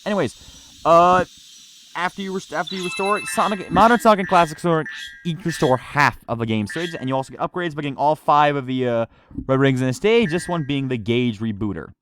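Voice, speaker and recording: A man with a fairly high-pitched voice speaks a little fast against a noisy background, with game music under his voice. Narrating a let's play and reviewing gameplay, he rambles casually and often repeats or corrects himself mid-sentence.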